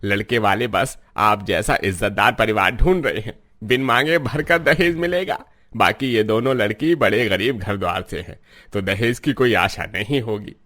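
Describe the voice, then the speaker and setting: A man's voice: on the low side, normal speed, sharp tone. A man voicing a cheerful, reassuring middle-aged priest who arranges marriages in a cartoon. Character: jovial middle-aged male priest matchmaker.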